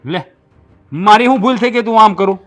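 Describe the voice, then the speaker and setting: An actor with a Kathiawadi Gujarati accent playing a meek village husband who keeps trying to calm his wife. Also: high-pitched, moderate pace. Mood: placating. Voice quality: soothing, pleading, tries to calm her. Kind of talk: Gujarati family drama acting.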